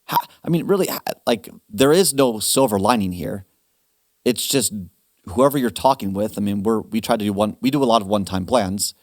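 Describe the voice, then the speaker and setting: A man hosting a retirement planning webinar, talking casually with animated asides and quick restarts. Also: fairly low pitch, no echo, studio quality. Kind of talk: casual advice talk.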